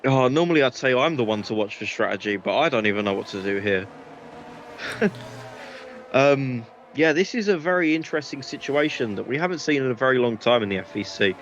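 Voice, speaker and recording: A man's voice: mid-range voice, expressive, fast talker, few pauses, dull audio, a little hiss or hum. A man co-commentating on motorsport, giving casual, opinionated analysis and conversational reactions to the race.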